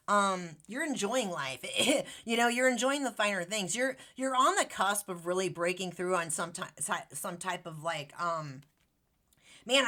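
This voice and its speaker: Woman tarot reader, casual and gushing, talks straight to her viewers with a crisp, bright voice. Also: medium pitch. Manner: bubbly, chatty, affectionate, many fillers and "like".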